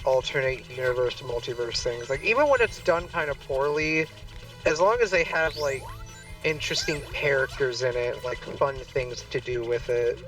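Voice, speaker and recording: A man's voice: mid-range voice, normal speed, a bit bright, far from the mic, soft background music, poor audio. A man streaming a game and chatting casually, rambling with many fillers. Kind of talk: casual chat while gaming.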